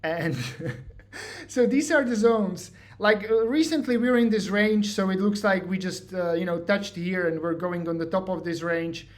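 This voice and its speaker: A high-pitched man with a Slovak accent walks through trading charts in a casual screen-share at normal speed. A trading educator, he jokes around, mocks himself, and fills his talk with "like" and "you know."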